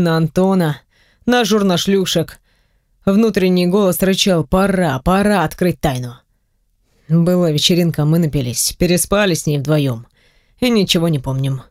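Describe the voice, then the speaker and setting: An audiobook reader narrating a first-person story in an even, storytelling manner. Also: medium pitch, dry recording, studio quality.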